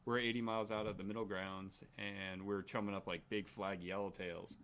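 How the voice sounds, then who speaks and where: A man with an American accent chatting casually about fishing, relaxed and agreeable. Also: lowish voice, moderate pace, a little hiss or hum. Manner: relaxed, lots of agreeing backchannel.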